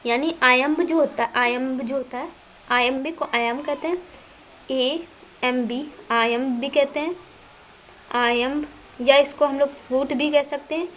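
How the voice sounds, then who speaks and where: Woman tutor, bright high voice, patient lecture for students. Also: steady tone, measured pace, a little hiss or hum. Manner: repeats terms, spells words out letter by letter; asks questions then answers them. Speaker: teacher. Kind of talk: exam-prep lecture.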